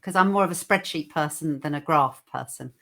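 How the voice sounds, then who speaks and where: A woman's voice: deep voice, a little fast, vocal fry, a bit bright. A woman co-hosting a casual chat over a video call, her audio echoing back. She repeats her words to be understood.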